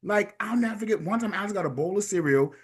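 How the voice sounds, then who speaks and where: A man's voice: high-pitched, lively intonation, fast talker, slightly rough. A man co-hosting a casual movie podcast, laughing often and quoting scenes with gusto. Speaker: podcast co-host.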